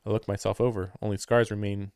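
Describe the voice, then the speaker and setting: A man's voice: lowish voice, little pitch movement, quick pace, vocal fry, a little mellow, no room sound, clean studio sound. A man reading visual novel text aloud and breaking into chatty, laughing commentary. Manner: reads text plainly, then breaks into chatty, laughing asides. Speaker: let's player.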